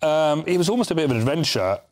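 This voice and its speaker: A man's voice: fairly high pitch, sing-song, fast. British guy guest on a talk show, chatty anecdotes, lots of restarts. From United Kingdom. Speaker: guest, charity volunteer. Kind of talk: casual interview storytelling.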